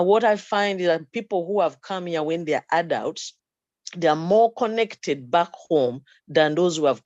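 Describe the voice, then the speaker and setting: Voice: mid-range voice, darkish tone, dry recording. A guest from Uganda in a casual discussion, speaking animatedly and acting out little quotes. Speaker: guest caller. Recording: muffled dry lo-fi audio.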